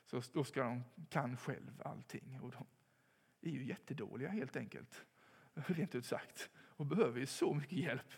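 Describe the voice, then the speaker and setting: A man preaches a sermon in a calm, reflective way, building to moments of emphasis. His voice has a gravelly edge, and a long reverb trails after each phrase, as if the sound fills a church hall. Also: mid-range voice.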